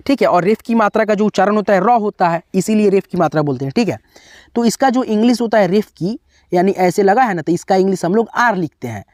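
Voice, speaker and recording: A man's voice: sits high, a little mellow, dry recording, studio quality. A man teaching a beginners' spelling lesson, patiently spelling out each word letter by letter and checking in with his viewers again and again. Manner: keeps saying "okay, friends".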